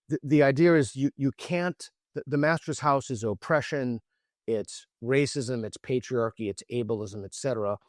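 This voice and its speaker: A man speaks as an interview guest in an earnest, argumentative way, stopping and restarting his sentences as he builds a point. His voice sits at an ordinary middle pitch. The recording is dry, with no room sound. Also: no echo. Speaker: guest author. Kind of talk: interview conversation.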